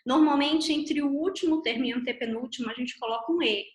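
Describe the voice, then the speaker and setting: A woman's voice: sits high, fast, reverberant. A woman teaching a grammar lesson online, explaining in a chatty way with frequent tag questions. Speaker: Portuguese teacher.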